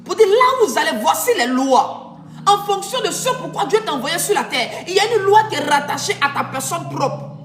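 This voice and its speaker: A woman's voice: high-pitched, expressive, brisk. A woman preaching a sermon, emphatic, sometimes drawing phrases out in a sung way. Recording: echoey room with music behind.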